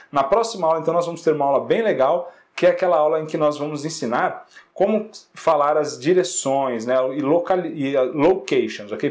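A Brazilian man with a Brazilian Portuguese accent, teaching an English lesson. He says English phrases slowly and explains them in Portuguese, checking in often with "né?" and "ok?". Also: mid-range voice, darkish tone. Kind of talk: classroom-style lesson correcting exercises.

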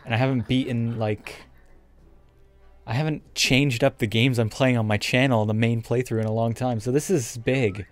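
A man's voice: mid-range voice, steady tone, moderate pace, no echo. A young man giving casual, rambling let's play commentary with frequent swearing, as a gaming YouTuber. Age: young adult. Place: indoor room with webcam setup. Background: game music.

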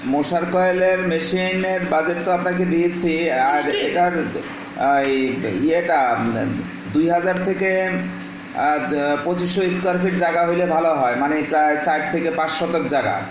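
Patient middle-aged man in a boomy room. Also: unhurried. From Bangladesh. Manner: polite, patient, repeats affirmations and details. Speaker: small-business machinery consultant answering a caller. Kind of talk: live phone consultation chat. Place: small bare indoor room. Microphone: phone camera at arm's length. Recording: very echoey, dull lo-fi room recording with noise.

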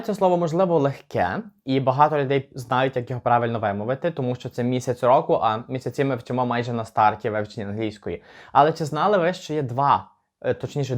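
Chatty man teaching English pronunciation. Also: medium pitch. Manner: chatty, slows down to spell out words. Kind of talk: casual pronunciation lesson.

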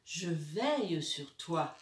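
A loyal, protective blue dog from a children's storybook, as a woman reads his lines, calm and gentle, with slow, soothing reassurance. The sound is roomy and a bit far from the mic. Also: low voice, a little hiss or hum, full character voice.

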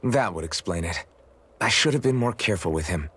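A man's voice: sits low, animated, brisk, fairly bright tone, husky, heavily acted. A man voicing a kind, sincere young male swordsman in a video game.

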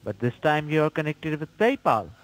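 A man's voice: a little high, sing-song, normal speed, no echo. A man speaking as a call center agent on a customer phone call. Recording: phone call with faint room noise.

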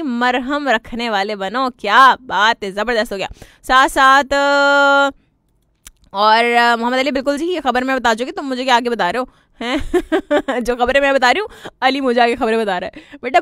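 A woman hosts a live radio show, reading listener messages with warm greetings, giggles and English phrases mixed in. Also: high voice, smooth, no room sound, studio quality. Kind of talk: casual live radio chat.

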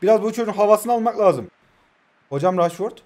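High-voiced young man joking over gameplay. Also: a little fast. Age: 20s. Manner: joking, teasing self-talk; excited play-by-play. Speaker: mobile football game commentator. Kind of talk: casual gameplay commentary.

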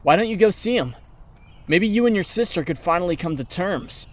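A man voicing Peter Parker, a kind, thoughtful young man, speaking gently and reflectively in a comic dub. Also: high-pitched, animated, brisk, very echoey, recorded from a distance. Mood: gentle.

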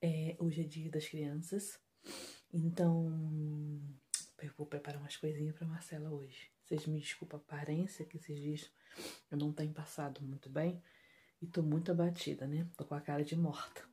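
A Brazilian woman talking softly and quietly to viewers in a casual home vlog, filmed on a phone indoors. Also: sits low, flat delivery, normal speed. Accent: Brazilian Portuguese. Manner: speaking softly and hushed, chatty asides to viewers. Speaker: home vlogger. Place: indoors at home, bedroom and bathroom.

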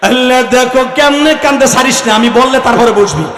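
A man preaching a fiery sermon at a large outdoor gathering, shouting commands to the crowd and breaking into a wailing, half-sung tone. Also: very high voice, quick pace. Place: large outdoor religious gathering under a pandal. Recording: echoey public-address sound with long reverb.

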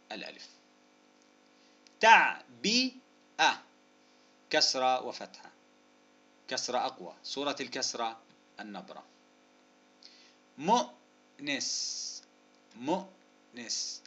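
A male teacher giving a recorded spelling lesson, drawing out each example word slowly, then explaining the rule briskly and asking and answering his own questions. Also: mid-range voice, sharp tone. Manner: addresses listeners as dear loved ones, asks and answers his own questions. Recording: dull lo-fi recording.

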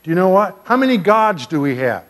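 In a church sanctuary with long reverb, an older male pastor delivers a children's sermon at a brisk pace. His high voice has a sing-song quality. He questions the kids in a gentle, playful way.

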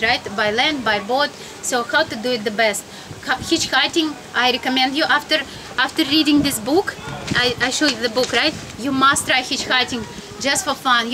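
A Russian woman in her thirties, speaking with a Russian accent, gives a chatty, informal travel lecture outdoors in a sunny courtyard among high-rise buildings. Her voice sits high, she laughs often and keeps asking her listeners questions. A camera a few meters in front records her, with audience chatter and background noise behind.

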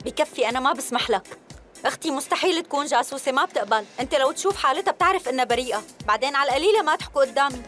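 An earnest, nosy young woman rattles along in Syrian Levantine Arabic. Her voice sits on the high side in this dubbed drama, over clear background music. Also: animated, racing, a bit bright. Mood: indignant. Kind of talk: dubbed television drama dialogue. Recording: music behind the voice.

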